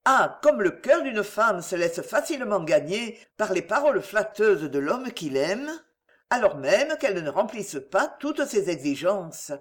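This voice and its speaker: In this audiobook a woman of medium pitch tells a classic novel's story. She reads expressively and keeps a measured rhythm.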